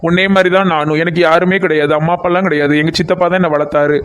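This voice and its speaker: A calm, sensible village man in a cartoon, gently scolding and reassuring as a man voices him, with a southern Tamil Nadu accent. His voice sits high for a man. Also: rapid-fire, smooth, natural voice. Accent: southern Tamil Nadu (Kanyakumari–Tirunelveli).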